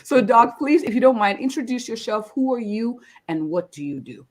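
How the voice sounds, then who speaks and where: A woman's voice: on the high side, animated, moderate pace, a little mellow. A woman physician hosting a live-streamed interview, upbeat and effusive, often repeating words of praise. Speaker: host, family physician.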